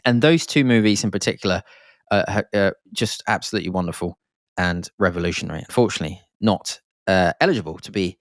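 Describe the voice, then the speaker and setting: A man's voice: low voice, fast talker, dry recording, clean studio sound. A man hosting a podcast, rambling and enthusiastic, with lots of fillers and restarts. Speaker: podcast host. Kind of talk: casual podcast monologue.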